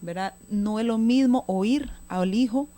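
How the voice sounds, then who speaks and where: As a guest expert on a talk show, a woman patiently explains child communication and often checks in with a question. Her voice is on the high side, mellow and unhurried.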